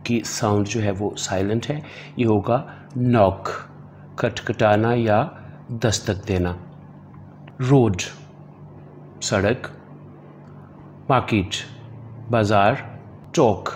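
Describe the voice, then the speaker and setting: A man teaching English vocabulary with Urdu meanings, drilling each word slowly and carefully, with an Urdu accent in his English. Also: on the low side, a little mellow, a little hiss or hum. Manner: slow, deliberate word-by-word drilling. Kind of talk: vocabulary lesson.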